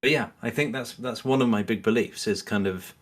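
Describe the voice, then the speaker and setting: A mid-range male voice, slightly quick, belongs to a guest on a podcast. Chatting casually, he explains his opinions in a rambling way, hedging heavily and dramatizing quotes he imagines.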